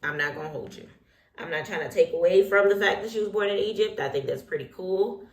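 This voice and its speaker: A woman of Haitian heritage hosts a casual reality TV recap while getting ready, sassy and opinionated, full of slang and asides. She talks fast at a medium pitch, in an echoey room.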